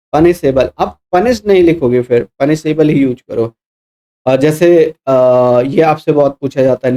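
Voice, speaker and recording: A man coaching students for an exam, his voice a little high with a soft, mellow tone. He spells tricky letter by letter, asks the class quick rhetorical questions, and catches and corrects his own slips. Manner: explains step by step, spells words letter by letter, corrects himself. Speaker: exam English teacher. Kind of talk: explaining mock test answers.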